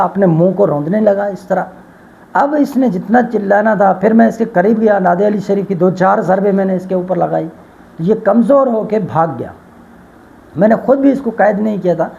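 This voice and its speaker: Man with a rough gravelly voice, kinda dark tone, earnest spiritual healer telling his story, dull lo-fi sound. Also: high voice. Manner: earnest, swearing by God, retelling a dialogue. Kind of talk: religious storytelling talk.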